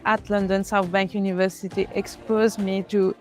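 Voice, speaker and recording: A woman's voice: mid-range voice, flat delivery, moderate pace, a little mellow, soft background music. A female student giving a sincere promotional testimonial.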